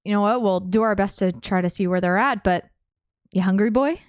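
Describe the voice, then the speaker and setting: A woman's voice: mid-range voice, fairly even intonation, a little fast, clear, resonant tone, no room sound. A woman chatting casually and in character as a player in a tabletop game.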